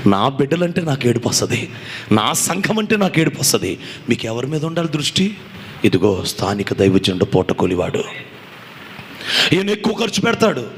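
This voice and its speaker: A male pastor preaching a fasting prayer sermon with great passion, swinging between loud calls and hushed pleading and firing off rhetorical questions. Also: high voice. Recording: echoey hall with faint ambient noise.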